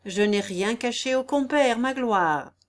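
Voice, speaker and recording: A bold, mocking nobleman from a storybook, teasing and sure of himself, as a woman reader puts him on. The voice sits fairly high. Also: unhurried, close to an everyday voice.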